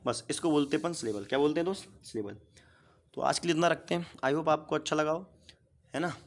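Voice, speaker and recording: A man's voice: a little high, fast talker. Patient male teacher who quizzes and repeats. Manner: asks questions and repeats the answers; patient, explains step by step. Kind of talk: grammar lesson.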